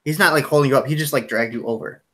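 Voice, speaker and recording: A man's voice: mid-range voice, very fast, bright, forceful tone. A man running a tabletop game as game master over a video call, describing scenes loosely with lots of fillers.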